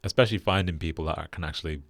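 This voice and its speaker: A young British man hosting a casual podcast chat, relaxed and flat in delivery with lots of fillers. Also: very deep voice, rapid-fire, gravelly, dry recording. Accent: British English. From Britain. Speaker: podcast host.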